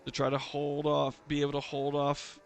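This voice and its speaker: Male motorsport commentator, higher-pitched voice, gravelly fry, casual play-by-play, faint engine buzz behind. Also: completely flat delivery, normal speed, a little hiss or hum. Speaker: race commentator for an online league.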